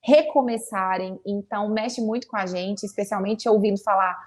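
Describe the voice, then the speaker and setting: A woman, hosting an interview and explaining points in a clear, encouraging way. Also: mid-range voice, normal speed, a little mellow. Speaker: immigration consultant, interviewer.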